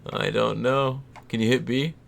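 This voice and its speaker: A woman's voice: a bass voice, steady tone, a little slow, creaky. A woman co-hosting a let's play with casual, offhand chat.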